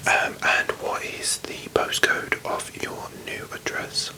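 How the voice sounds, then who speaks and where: A British performer in a whispered role-play, voicing a strict, officious, slightly condescending librarian in a hushed library whisper. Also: takes it slowly, close to an everyday voice. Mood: politely businesslike.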